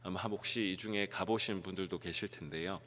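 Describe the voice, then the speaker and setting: A middle-aged male pastor preaching an early-morning sermon, filling pauses with "eo" and letting his phrases rise and then drop. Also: low-pitched, fairly even intonation, fairly bright tone. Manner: frequent "eo" fillers, rising then dropping phrases. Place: church sanctuary. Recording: church hall reverb.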